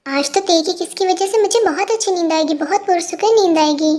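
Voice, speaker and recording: Woman voicing young son, apologetic, placating, high pitched, fan audio drama. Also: fairly quick, music in the background. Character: young man, polite son, easily flustered. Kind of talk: fan audio story acting.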